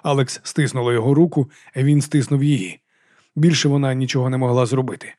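A man narrating an audiobook in an even, measured reading. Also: mid-range voice, no room sound, clean studio sound.

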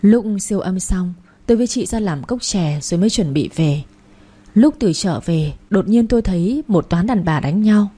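Woman reading a first-person story out, mellow and a bit husky, steady plain telling. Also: medium pitch, normal speed. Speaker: audiobook narrator.

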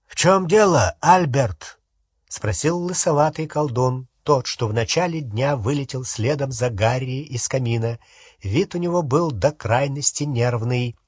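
A man narrating an audiobook in an unhurried, expressive storytelling manner. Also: mid-range voice, slightly rough, no room sound, clean studio sound. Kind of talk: audiobook reading.

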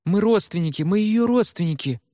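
A man's voice: high voice, animated, a little fast, mellow, no room sound, clean studio sound, voice pushed up. A man voicing a frightened young woman who pleads in a plaintive, sniffling way. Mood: pleading.

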